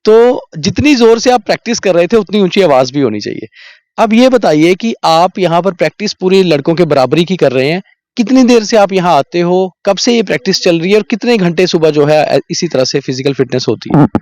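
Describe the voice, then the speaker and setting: A man's voice: high-pitched, animated, fairly quick, darkish tone, dry recording. A male field reporter on an outdoor ground, asking trainees probing, conversational questions. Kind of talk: street interview.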